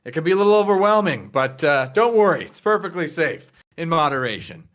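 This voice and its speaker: A man's voice: on the high side, very animated, a little fast, a bit bright. A man voicing an easygoing bartender in a tabletop game, breezy and reassuring.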